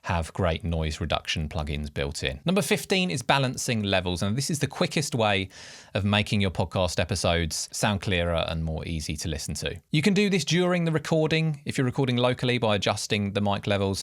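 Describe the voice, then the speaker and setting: In a low voice with no echo and studio-quality sound, a man reads scripted tutorial narration offering podcast production tips. He keeps it informal and explanatory and leans on the main headings.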